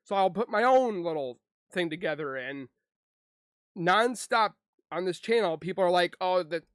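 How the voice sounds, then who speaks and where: A man with a somewhat high voice talks through his frustrations with his online audience. He speaks haltingly, restarting often and holding back tears. The recording is close and dry, with no room sound. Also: lively intonation, a bit bright, clear, resonant tone, dry recording. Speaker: YouTuber. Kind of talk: emotional venting to viewers.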